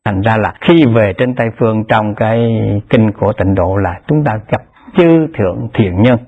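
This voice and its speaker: A man giving a Pure Land Buddhist dharma talk in a measured, repetitive teaching cadence, rising in pitch to stress key terms. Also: slightly rough. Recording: tinny lo-fi phone-like recording.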